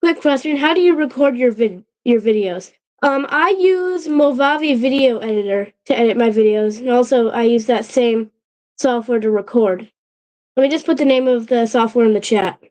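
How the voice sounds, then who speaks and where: A slightly high, darkish voice belongs to this woman running a casual livestream. Her talk is halting, with repeated restarts and glances at her chat, and a recovering sore throat makes her sound a touch off.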